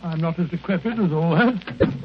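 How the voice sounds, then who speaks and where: Actor playing high-voiced, blustery old Doctor Watson. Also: male voice, moderate pace, close to an everyday voice. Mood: genial, flustered. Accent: British. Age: older. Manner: blustery, chuckling, hesitant and rambling. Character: genial, sentimental elderly English doctor and storyteller, Watson. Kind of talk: old-time radio drama acting. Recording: dull, noisy old radio broadcast.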